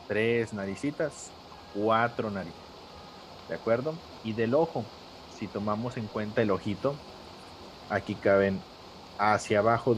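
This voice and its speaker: A man's voice: medium pitch, a little hiss or hum, poor audio. A man teaching a live drawing class, patient and step by step, calling on students by name.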